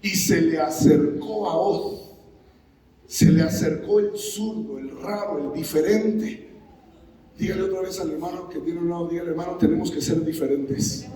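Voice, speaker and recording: In a church sanctuary, a man with a mellow, somewhat high voice preaches at a moderate pace. He calls for the congregation to answer back and dramatizes scripture scenes, captured in a very echoey hall by a distant mic.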